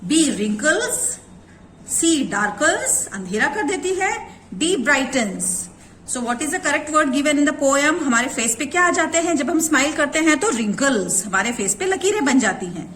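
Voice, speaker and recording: A high-pitched woman teacher with an Indian English accent speaks at an unhurried pace, sounding out phonics one piece at a time for young pupils. A faint hiss sits under her recorded lesson. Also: very animated, a bit bright. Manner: explains in Hindi mixed with English, sounds out phonics slowly. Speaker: school teacher.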